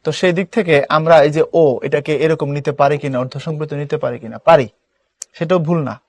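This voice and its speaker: A man's voice: on the high side, quick pace, darkish tone, no echo. A young man teaching an online class, explaining step by step and repeating key words as drills.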